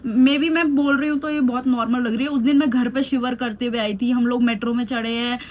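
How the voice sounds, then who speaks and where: High-voiced woman telling a vlog story. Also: a little fast. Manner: animated storytelling mixing Hindi and English. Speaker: beauty vlogger. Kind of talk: storytime vlog while doing skincare.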